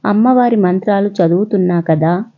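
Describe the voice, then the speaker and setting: A woman's voice: mid-range voice, moderate pace, narrow, tinny audio, natural voice. A woman voicing a tearful, sulky young wife.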